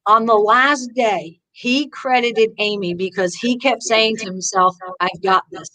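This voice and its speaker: A woman's voice: a little high, unhurried, low-quality recording. A woman golf teacher, a guest in an interview, telling stories with enthusiasm and acting out what people said. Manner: enthusiastic, acts out quotes with lively voices; frequent restarts, "you know". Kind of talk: conversational interview storytelling.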